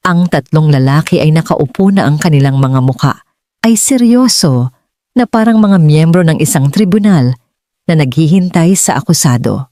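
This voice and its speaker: A woman with a Filipino accent narrates a scripted dramatic story as an audiobook reader, her low voice animated and warm at a normal speed. The recording is dry, with clean studio sound.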